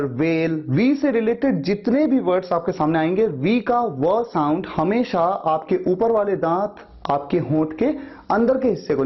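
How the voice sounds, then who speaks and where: A man teaching English pronunciation, patiently explaining and repeating example sounds slowly. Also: sits high, husky, dull audio. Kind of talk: spoken language lesson.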